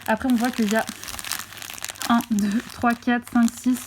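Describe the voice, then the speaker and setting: A woman's voice: a little high, little pitch movement, unhurried, darkish tone, a little hiss or hum. Chatty young woman unboxing at home. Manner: chatty, lots of fillers and self-corrections. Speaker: crafts vlogger. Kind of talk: casual unboxing chat. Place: at home near a window. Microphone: phone camera.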